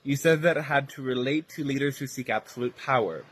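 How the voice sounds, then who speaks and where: A man's voice: medium pitch, fairly quick, fairly bright tone, slightly rough. A man from Pennsylvania politely and earnestly reading out a prepared question. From Pennsylvania, United States. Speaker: viewer with a recorded question.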